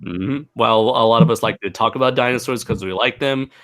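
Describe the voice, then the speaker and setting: A man hosting a casual livestream panel chat over a video call, joking and pausing to look at his notes. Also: medium pitch, fairly bright tone. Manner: joking, pauses with "let's see". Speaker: livestream host.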